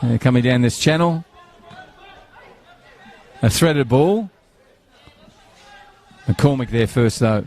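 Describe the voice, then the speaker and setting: A chatty man calling a football match live from an outdoor ground. His voice sits at a middling pitch, and he rambles easily between play-by-play and friendly banter with his co-commentator. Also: takes it slowly, long pauses, darkish tone, a faint crowd.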